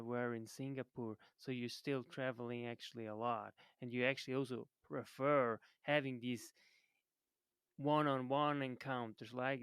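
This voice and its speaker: Smooth-voiced male podcast host. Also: mid-range voice, fairly bright tone, no room sound. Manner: conversational, rambling questions. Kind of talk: interview questions.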